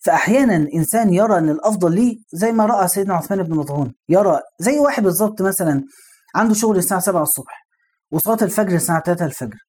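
A man's voice: high voice, lively intonation, racing, darkish tone, husky. A man with an Egyptian Arabic accent, preaching in a conversational storytelling lesson and putting rhetorical questions to the listener. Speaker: Islamic preacher.

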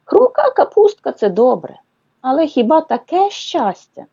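A woman's voice: high voice, very animated, moderate pace, gravelly, warm tone, no echo, lo-fi sound, pitched above the performer's own voice, heavily acted. A woman voicing a timid little boy bunny in a children's story, eager and wistful.

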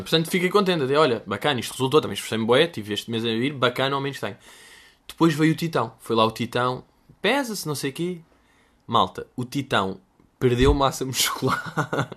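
A young man in his twenties with a European Portuguese accent hosts a casual storytelling podcast. He talks in loose street slang and keeps it animated, often jumping into high-pitched voices to quote people. His voice sits at an ordinary middle pitch. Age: 20s. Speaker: podcast host.

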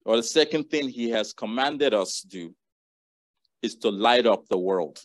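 A man's voice: medium pitch, expressive, normal speed, no echo. Man preaching an earnest sermon. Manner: earnest preaching, reading and repeating scripture verses.

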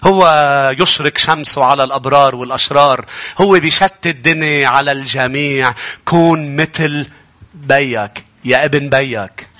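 A male pastor with a Lebanese accent preaching a sermon, swinging between low earnest tones and high emphatic bursts. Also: normal speed, bright, forceful tone.

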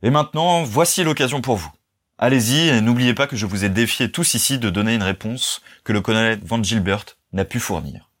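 A man reading aloud and voicing a bold young orator in a novel, speaking with steady force. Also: lowish voice, moderate pace, natural voice. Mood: commanding. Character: bold young male orator, calm and commanding.

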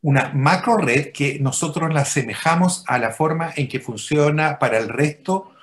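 A man's voice: a little high, moderate pace. A Chilean man, a physician, explaining his work patiently over a video call and often checking in with his listener. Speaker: physician interviewed as a guest.

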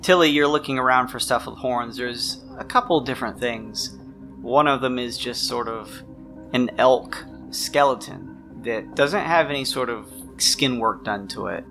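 With background music playing, a game master narrates a tabletop mystery game in a descriptive, conversational style. His medium-pitched voice is creaky and sharp in tone, and he keeps a measured pace.

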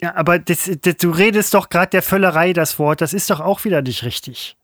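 High-voiced man, indignant podcast banter. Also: a little fast, fairly bright tone, no echo, clean studio sound. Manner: indignant, flustered, keeps protesting and restarting. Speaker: podcast co-host.

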